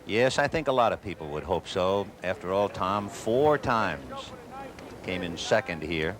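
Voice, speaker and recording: A man's voice: low-pitched, big pitch swings, measured pace. A man giving live golf commentary with wry, wisecracking asides. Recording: noisy outdoor broadcast with crowd, 1980s. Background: outdoor gallery crowd and ambience.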